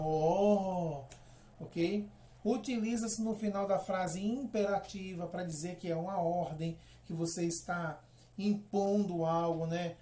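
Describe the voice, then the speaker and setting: A woman's voice: lowish voice, warm tone, reverberant. Woman teacher explaining patiently. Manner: explains step by step, checks in with "ok?" and "né?". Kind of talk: classroom explanation.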